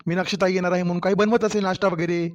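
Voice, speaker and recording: A voice actor playing a young married son and brother in a cartoon family story, placating and hurried. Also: mid-range voice, little pitch movement, close to an everyday voice.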